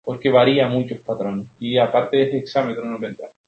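A young man with a mid-range voice and fairly even intonation talks fairly quickly through a poetry lesson. As a literature teacher giving a lecture, he explains points and keeps asking whether students are following. The audio has the roomy, dull quality of a classroom.

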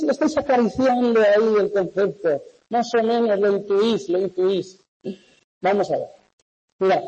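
A man lectures, his high, husky voice bouncing around a heavily echoing hall. He explains patiently and keeps checking whether everyone follows. The recording is dull and muffled. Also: dark tone. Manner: explanatory, checks understanding with quick questions. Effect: heavy classroom echo. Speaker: university lecturer. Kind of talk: classroom lecture with questions to students. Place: large echoey lecture hall.

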